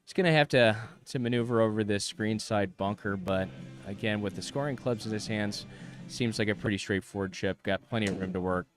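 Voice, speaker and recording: Low-pitched male golf commentator. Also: steady tone, faint music behind. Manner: measured golf-commentator delivery with broadcast jargon.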